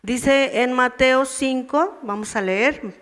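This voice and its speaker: In a reverberant church hall, a woman with a Mexican Spanish accent instructs a women's meeting, quizzing her audience repeatedly and acting out replies from wives. Her high-sitting voice is fairly bright and her pace slow.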